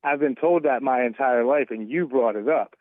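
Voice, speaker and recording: A male radio caller comes through a thin, phone-like line, his mid-pitched voice dry and close. He talks insistently and argues back, turning points into pointed questions. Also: moderate pace, no echo. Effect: heard over a phone line on a radio show. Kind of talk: call-in argument.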